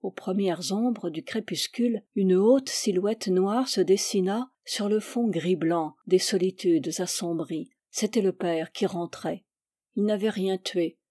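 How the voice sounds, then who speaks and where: A woman narrating a classic French short story in a measured, expressive reading. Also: medium pitch, no room sound, studio quality. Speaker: reader. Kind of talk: literary audiobook narration.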